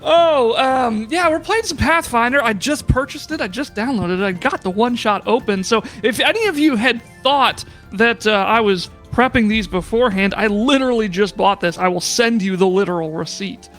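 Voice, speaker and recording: A man's voice: very high-pitched, moderate pace, hardly any pauses, a bit bright, faint music behind. A man running a tabletop game as game master, rambling and self-deprecating as he thinks aloud. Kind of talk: casual streamed tabletop game chat.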